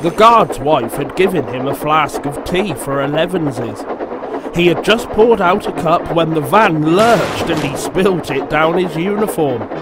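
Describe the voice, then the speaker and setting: A man narrating a storybook in a measured, clear storytelling manner. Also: fairly high pitch, animated, heavy background noise. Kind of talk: storybook reading. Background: music.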